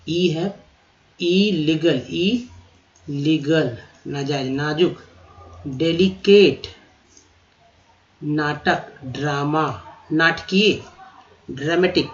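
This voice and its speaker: A man gives an English vocabulary lesson in a slightly high voice. He spells out and repeats each word at a very slow, deliberate pace. The voice-over sounds dull and lo-fi.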